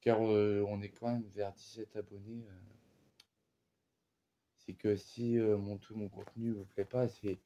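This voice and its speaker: A man's voice: fairly low pitch, level tone, unhurried, pauses often, dark tone, lo-fi sound. Male vlogger, loose slangy rambling delivery, filler-heavy, casual unboxing video.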